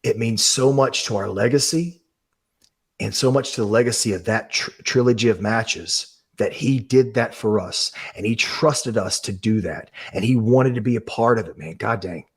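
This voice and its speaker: A man in his thirties with a low voice, speaking with a husky, slightly breathy grain. He is a guest on a podcast, telling a story earnestly and with feeling, and he swears freely. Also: moderate pace. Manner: earnest, profane, emotional. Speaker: professional wrestler, guest.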